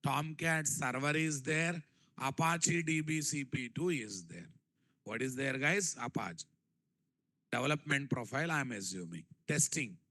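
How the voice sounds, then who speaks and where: A man's voice: mid-range voice, expressive, unhurried, pushed and bright, no echo, low-quality recording. A man with a Telugu Indian accent teaching a technical class, repeating phrases and quizzing his listeners with rhetorical questions. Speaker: programming instructor. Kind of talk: live classroom-style technical lecture.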